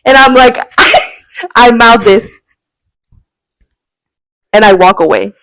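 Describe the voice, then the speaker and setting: A woman's voice: a little high, slow, slight background noise. A young adult woman co-hosting a podcast, telling a rambling story and acting out quotes in casual chat. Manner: animated, rambling, acts out quotes, laughs often. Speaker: podcast co-host.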